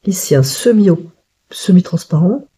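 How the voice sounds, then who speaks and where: A woman narrates a watercolour palette test at her desk, thinking aloud and pausing often on fillers. Her voice is warm and mellow, with a breathy, slightly husky edge. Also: fairly low pitch, expressive. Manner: chatty, hesitant with many fillers, thinking aloud. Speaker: watercolour painter testing a palette. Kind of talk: casual tutorial narration.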